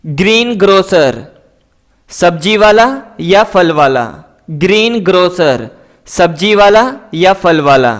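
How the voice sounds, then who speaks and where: A man teaching English words, saying each word and its meaning twice in a slow, deliberate drill. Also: sits high, animated.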